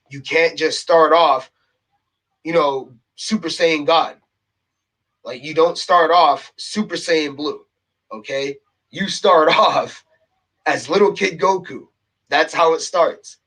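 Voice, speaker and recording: Man, vlog rant, heated, exasperated, slightly breathless, fairly high voice. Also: fairly bright tone, rough recording. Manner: heated, exasperated, repeats himself with filler "okay?" and "like". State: a little out of breath. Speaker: vlogger. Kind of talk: casual rant to camera.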